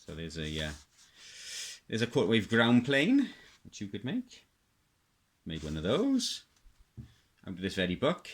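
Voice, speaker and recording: Low and slightly rough, this man's voice swoops wildly in pitch, unhurried and full of pauses. He's a middle-aged radio hobbyist from South Wales, rambling and reminiscing hesitantly through a casual show-and-tell.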